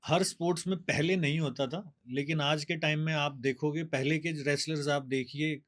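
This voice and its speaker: A man, a bodybuilder guest telling his story in a steady, explaining way. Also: on the high side, normal speed. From Delhi, India. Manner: steady, explanatory, mixes English words. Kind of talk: casual interview storytelling.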